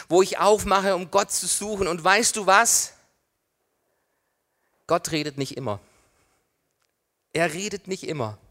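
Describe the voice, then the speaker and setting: A middle-aged male pastor delivers a sermon in a high-pitched voice. He swings from loud calls down to hushed near-whispers and puts questions directly to his listeners.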